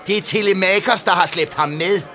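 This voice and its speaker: A rude, jeering suitor, as a male narrator puts him on, stretching his mocking words. The voice is pitched high for a man and sounds bright and sharp. He is a storybook figure.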